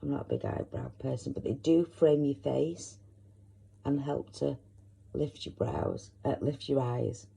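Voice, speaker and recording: A woman hosting a step-by-step makeup tutorial, talking in a soft, chatty way as she demonstrates, with a croaky voice. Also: very deep voice, very animated, a little slow.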